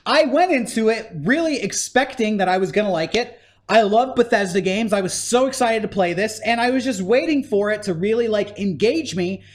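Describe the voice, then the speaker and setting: A man in casual podcast chat giving a game review, animated and swearing freely. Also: high voice, normal speed. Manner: animated, swearing, acts out scenes in mock voices.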